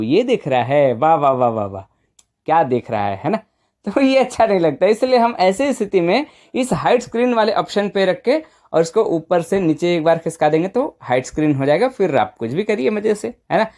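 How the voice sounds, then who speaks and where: A woman's voice: fairly low pitch, a little mellow. Conversational woman giving a phone tutorial. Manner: conversational, often seeks confirmation with short tag questions. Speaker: tutorial presenter. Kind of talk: informal step-by-step phone tutorial.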